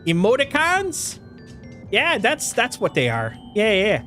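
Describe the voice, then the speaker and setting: This high-pitched Wisconsin game streamer takes it slowly, chatting on his live stream in a slightly nasal voice and a deliberately heavy Upper Midwest accent. He's animated and joking, laughs frequently, and breaks into exaggerated folksy exclamations while faint music plays.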